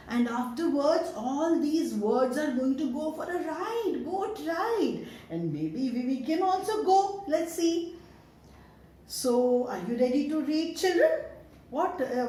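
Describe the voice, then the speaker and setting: Woman, Indian English, high lively voice, sing-song kindergarten teacher, very echoey room. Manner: sing-song, encouraging teacher talk, sounding out letters slowly. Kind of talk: online phonics lesson for young children. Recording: very echoey room with faint background noise.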